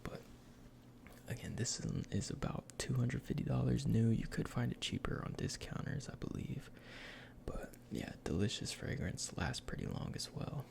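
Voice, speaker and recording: A man in a whispered role-play as a salesman, speaking in a breathy, gravelly whisper with informal, hesitant explanations. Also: medium pitch, sing-song, normal speed, darkish tone, slight background noise. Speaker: ASMR performer playing a cologne salesman.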